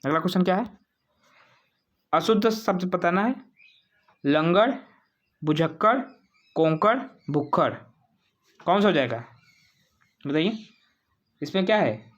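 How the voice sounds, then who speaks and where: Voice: mid-range voice, lively intonation, a little slow, long pauses, dull audio. A teacher walking through exam spelling questions, asking the viewers and then answering, repeating each word several times. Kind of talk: exam-prep quiz walkthrough.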